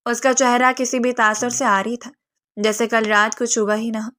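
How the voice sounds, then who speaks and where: A woman narrates a romance novel in a steady, even voice. Her pitch sits slightly high and the reading stays scripted and measured.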